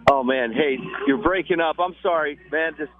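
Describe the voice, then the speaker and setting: A radio morning show host phoning in from an outdoor concert, chatting in an upbeat, joking way over a phone line that cuts out. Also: male voice, fairly high pitch, normal speed, soft background music. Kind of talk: casual on-air chat. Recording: dry, tinny phone line.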